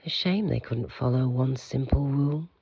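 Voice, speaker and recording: In an audio drama, a male actor with a medium-pitched, gravelly, dark voice plays the stern, secretive head of a mysterious institute. He speaks formally and with control at a normal speed, in a brooding mood, and the sound is lo-fi.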